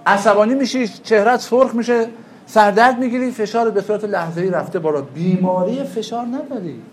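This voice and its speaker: A man with a high voice lectures a class on traditional medicine. He talks animatedly, throws questions at his students and answers them himself. His voice rings in a roomy, echoey classroom. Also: slight background noise.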